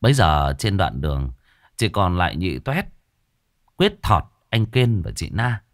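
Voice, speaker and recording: Expressive low-voiced male storyteller. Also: unhurried, no room sound, studio quality. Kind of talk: ghost story narration.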